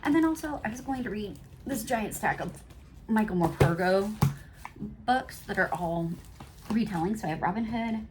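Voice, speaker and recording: A woman's voice: medium pitch, lively intonation, moderate pace, noisy background. A woman giving a casual monthly reading wrap-up as a book reviewer, rambling and chatty, with many fillers and self-corrections.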